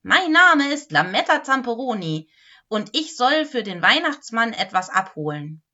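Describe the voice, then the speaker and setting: A woman doing an excited little clown girl. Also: fairly high pitch, unhurried, dull audio, voice pushed up, exaggerated voice. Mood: eager. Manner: squealing, eager.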